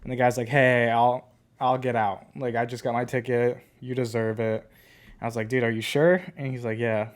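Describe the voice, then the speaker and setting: A man's voice: medium pitch, flat delivery, moderate pace. A man co-hosting a podcast, casually telling a rambling story full of filler words. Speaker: podcast co-host.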